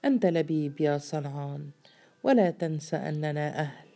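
A woman's voice: low voice, normal speed, dark tone. A woman reading a sly, self-assured male governor. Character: confident, sly middle-aged male governor. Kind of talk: audiobook story reading.

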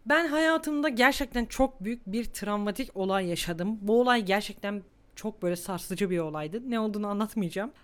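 A woman's voice: medium pitch, expressive, a little fast, few pauses. A woman in her twenties hosting a solo podcast, talking candidly and emotionally, close to tears at times. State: on the verge of tears. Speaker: podcast host. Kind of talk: reflective solo podcast monologue.

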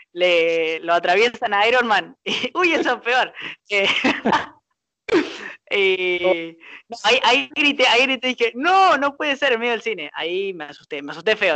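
A man with a Rioplatense accent hosting a casual podcast chat, excitable and steering the talk. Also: high-pitched, moderate pace, no room sound. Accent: Rioplatense Spanish. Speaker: podcast host.

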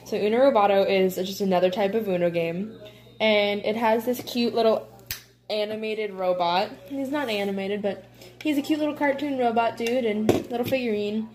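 A young woman talks in a relaxed, chatty way at home, walking a child through the rules of a card game. Her voice sits at an ordinary, mid-range pitch. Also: moderate pace. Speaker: channel host playing a card game with a child. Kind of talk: casual chat. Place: home, indoors.

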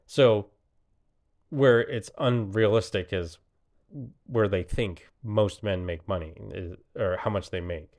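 A man's voice: on the low side, slow pace, darkish tone. A man giving a casual, emphatic monologue, laughing often as he talks.

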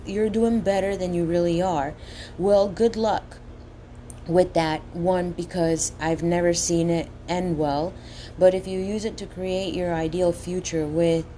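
A woman with a slushy lisp on her s sounds reads a scripted motivational talk as a coach, emphatic and deliberate, often putting questions to the listener. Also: fairly low pitch, warm tone, slight background noise.

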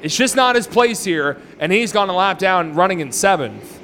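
A man's voice: high voice, lively intonation, normal speed, fairly bright tone. A man calling a live stock car race as an exclamatory motorsport commentator. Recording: noisy trackside ambience.

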